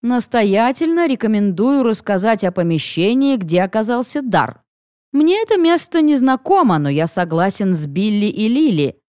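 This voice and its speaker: A woman reading an audiobook, voicing a wry, teasing older male dragon with a slow, drawling delivery in a dry, close recording. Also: medium pitch, sing-song, mellow, dry recording, close to an everyday voice.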